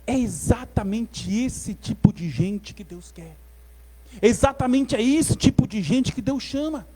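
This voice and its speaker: Male pastor, very high voice, lively repetitive sermon delivery. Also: unhurried. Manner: animated, repetitive preaching, addresses listeners as brother. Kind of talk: teaching sermon. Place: church.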